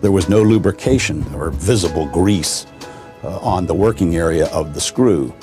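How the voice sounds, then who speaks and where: A man with a low voice talks as an expert in a documentary interview. He explains in his own unscripted words. Music runs clearly underneath. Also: moderate pace.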